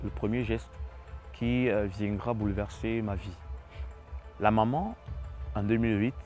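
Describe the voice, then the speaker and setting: Man with a low-ish voice giving a personal testimony, halting and repetitive, soft music under him. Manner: halting, repetitive phrasing with many restarts.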